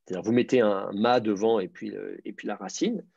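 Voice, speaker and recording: A man teaching, his voice low and husky, stopping often to hesitate and repeat himself as he explains step by step. The recording is close and dry, with slightly dull, lo-fi sound. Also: fairly quick, darkish tone, no room sound. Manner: hesitant, many fillers and repeated words, patient explaining. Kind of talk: explanatory online class lecture.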